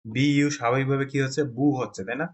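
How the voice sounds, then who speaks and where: With highs cut off in the audio, a fast-talking Bangladeshi man with a medium-pitched, slightly bright voice gives a classroom lesson on Chinese pronunciation. He proceeds step by step, often confirming his students are with him.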